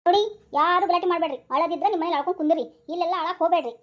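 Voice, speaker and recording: A woman's voice: very high voice, fairly even intonation, very fast. A woman playing a bossy male police inspector in a comic skit, speaking with a North Karnataka Kannada accent and scolding his constable.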